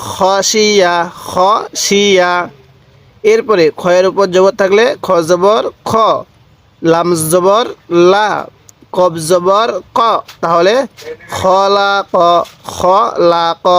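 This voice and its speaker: A man's voice: sits high, dry recording. A man teaching Quran reading, spelling words out syllable by syllable and prompting the viewer to repeat after him. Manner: slow, drawn-out syllable-by-syllable spelling. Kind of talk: step-by-step recitation lesson.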